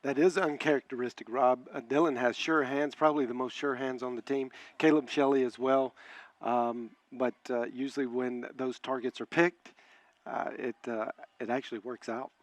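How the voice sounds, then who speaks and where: A man's voice: mid-range voice, fairly even intonation, normal speed, dry recording. A man giving football color commentary in a broadcast booth, plain-spoken and hesitant, with many filler sounds.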